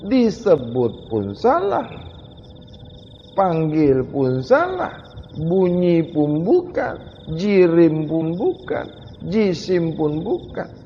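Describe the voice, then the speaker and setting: A man with a Malaysian Malay accent giving a Sufi sermon, slowly asking questions and driving points home by repeating them. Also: fairly high pitch, big pitch swings, long reverb tail, lo-fi sound, a little hiss or hum. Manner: slow, questioning, emphatic repetition. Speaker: religious teacher.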